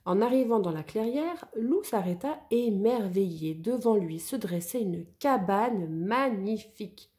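A woman narrating a children's story in a lively, expressive way. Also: mid-range voice, a little slow, hardly any pauses.

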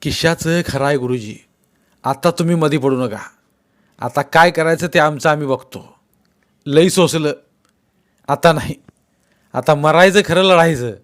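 A man's voice: on the high side, a little slow, long pauses, voice pushed up, natural voice. A fed-up villager ready to fight, as a male narrator puts him on, defiant and rousing. His voice rises and hardens as he talks. It sounds like a storybook reading.

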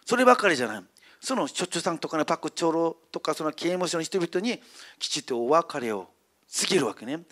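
A man preaching to children as their pastor, telling a story with animated, emphatic delivery and speaking to them directly. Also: fairly high pitch, fast.

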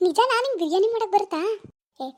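A woman voicing a teasing young village wife in a cartoon, coaxing and quick. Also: very high-pitched, animated, a little mellow. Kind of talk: cartoon voice acting.

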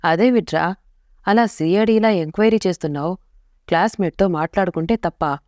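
A woman's voice: fairly low pitch, brisk, no room sound, studio quality, lightly acted. Woman reading a breezy young elder sister. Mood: bantering. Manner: lively and bantering.

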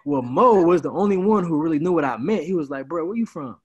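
With a slightly high, animated voice that has a breathy edge, a man in his twenties talks at a quick pace, and the audio has its highs cut off. He's a Peoria, Illinois party promoter giving a loose, rambling video-call interview from a small room at home, saying "bro" again and again in his easygoing way.

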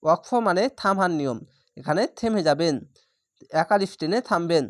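A man teaching Quran reading who spells out each letter and vowel mark before slowly reciting the whole word. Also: a little high, no echo, clean studio sound. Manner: draws out recited words slowly.

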